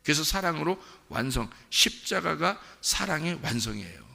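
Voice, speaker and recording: A man preaching from the pulpit with a heavily gravelly, bright and forceful tone. He talks earnestly and conversationally, as if speaking to each listener. His voice rings out with a long reverb through a church hall. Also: a little high, sing-song, moderate pace. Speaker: pastor. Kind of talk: sermon. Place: church sanctuary.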